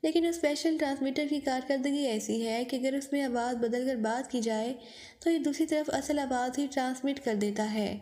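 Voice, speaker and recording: A woman narrating an audiobook spy novel, reading every character's lines in her own even voice. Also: high voice, normal speed, in a large hall. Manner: reads all parts in one even voice, small stumbles.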